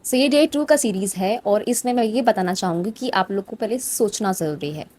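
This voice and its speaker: A woman's voice: mid-range voice, moderate pace, darkish tone, a little hiss or hum. A young woman with a direct, encouraging manner, giving casual tips as a cabin crew interview coach. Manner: direct, encouraging, addresses viewer informally. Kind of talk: casual instructional talk.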